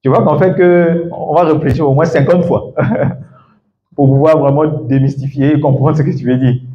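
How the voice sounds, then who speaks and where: A man teaching English to a class of students, lively and full of questions to the room, laughing often. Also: on the high side, moderate pace, muffled recording. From Ivory Coast. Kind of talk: classroom masterclass. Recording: echoey room with faint background noise.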